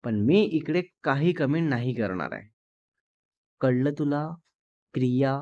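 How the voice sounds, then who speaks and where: A man's voice: medium pitch, animated, unhurried, mellow, no echo, lo-fi sound, lightly acted. A man voicing a jealous, cricket-loving young man who talks bluntly to his fiancée. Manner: dismissive, then blunt and possessive.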